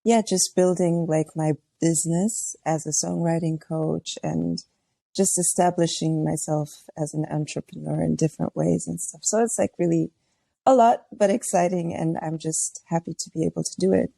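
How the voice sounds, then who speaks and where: Low, gravelly-voiced young woman. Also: moderate pace, dry recording. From Tanzania. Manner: relaxed, many fillers like "like". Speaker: guest, R&B singer and songwriting coach. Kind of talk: casual chat.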